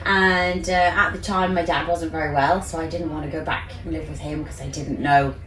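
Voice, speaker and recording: A woman's voice: sits low, fairly even intonation, brisk, fairly bright tone. An English woman in her thirties chatting in an upbeat, chatty way as a cruise director being interviewed. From England. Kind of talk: casual interview chat. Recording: roomy, distant mic, faint background noise.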